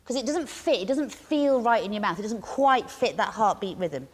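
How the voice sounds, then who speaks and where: Energetic woman leading a classroom workshop. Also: fairly high pitch, moderate pace, in a large hall. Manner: lively, encouraging, rhythmic chanting. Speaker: workshop leader. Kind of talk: leading a classroom drama exercise.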